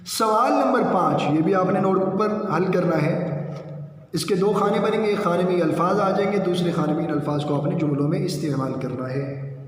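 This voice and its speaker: High-voiced teacher in an echoey room. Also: male voice, slight background noise. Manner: patient, addresses pupils as beta, draws out words slowly. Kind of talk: Urdu lesson for schoolchildren.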